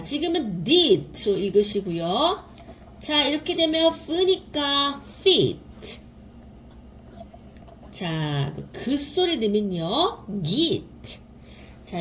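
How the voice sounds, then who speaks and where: A woman teaching beginner English phonics, sounding out each word slowly and repeating it. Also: mid-range voice, slight background noise. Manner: drawn-out repeated sounding of words. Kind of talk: slow explanatory teaching.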